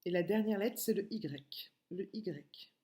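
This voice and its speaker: A woman teacher giving a remote phonics lesson to a young child, slowly repeating and stretching letter sounds with patience. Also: medium pitch, dark tone. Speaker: kindergarten teacher.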